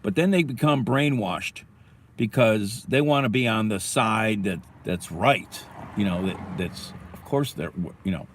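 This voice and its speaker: Livestream host: a man talking in his car, slow, swearing, losing his thread. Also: lowish voice, expressive, slight background noise. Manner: profane, angry, rambling. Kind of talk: casual livestream commentary.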